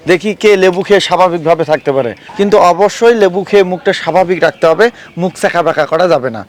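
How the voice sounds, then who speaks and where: A man with a Bangladeshi accent and a high-pitched, quick voice hosts a street challenge, instructing contestants and repeating himself as he talks to camera. Faint background noise and ambient sound are audible.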